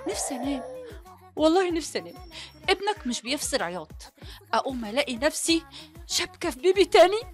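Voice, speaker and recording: A worn-out young Egyptian mother, high. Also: big pitch swings, fast, pauses often, soft background music. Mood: complaining. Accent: Egyptian Arabic. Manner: half-laughing, complaining. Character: exhausted young wife and new mother, complaining. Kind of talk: radio drama acting.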